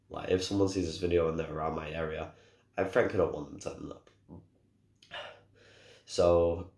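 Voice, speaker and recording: A young man with a hoarse, cracking, very deep voice, talking casually and rambling in a vlog about being ill. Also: darkish tone, echoey room. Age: young adult. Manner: rambling, restarts often, apologetic. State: hoarse, sore throat. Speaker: gaming YouTuber.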